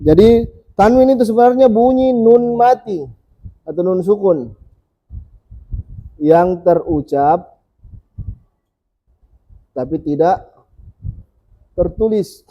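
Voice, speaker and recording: Seorang guru mengaji pria yang mengajar kelas dengan sabar, mengulang bunyi huruf perlahan untuk murid-muridnya. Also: male voice, high voice, dull audio. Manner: patient, repeats sounds slowly for students. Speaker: Quran reading teacher. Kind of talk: teaching a class.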